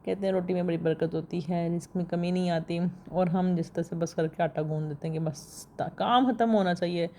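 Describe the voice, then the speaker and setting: A woman's voice: fairly low pitch, steady tone, brisk, few pauses, warm tone, a little hiss or hum. A woman, chatting casually through a home daily-life vlog. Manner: chatty, homely, many fillers like "to ji". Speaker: home vlogger.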